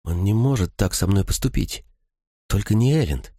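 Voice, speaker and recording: A man voicing a wary, hurt young woman in an audiobook, talking softly and pleadingly. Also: lowish voice, lively intonation, normal speed, no echo, clean studio sound. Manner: soft, pleading.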